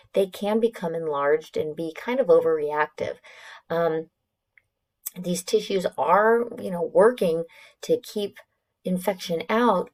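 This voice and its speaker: A woman's voice: fairly low pitch, darkish tone. A woman with a Californian accent giving a recorded biology lecture, explaining in a conversational way and correcting herself as she goes. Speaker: biology instructor.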